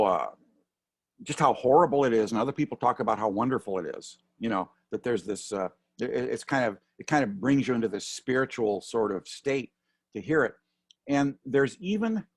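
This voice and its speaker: A man's voice: mid-range voice, no room sound, studio quality. A man leading an informal class discussion, talking hesitantly with many fillers and restarts. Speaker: course leader.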